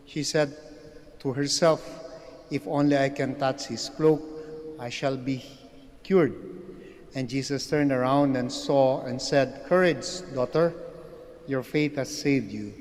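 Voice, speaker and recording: Male priest, slow measured homily, long cathedral echo. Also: medium pitch, a little mellow. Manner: slow and measured, with frequent pauses and filler sounds. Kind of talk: gospel reading and homily at Mass. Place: large church. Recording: long church reverb.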